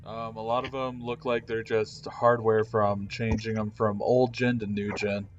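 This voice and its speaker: A man with a low voice narrates a tabletop game as its game master. He describes the scene casually and loosely, with plenty of ums and likes. The recording is dull and lo-fi. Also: little pitch movement, a little slow.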